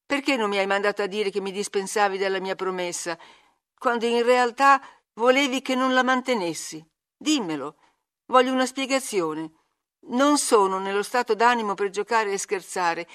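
A woman reading an audiobook, voicing an angry, proud young woman who speaks sharply and loudly. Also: medium pitch, natural voice. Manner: sharp, indignant, loud.

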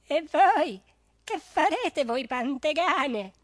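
A man's voice: extremely high pitch, lively intonation, slow pace, dry recording, clean studio sound, voice pushed up, heavily acted. A man reading a story and voicing an anxious young female sheep who keeps asking worried questions.

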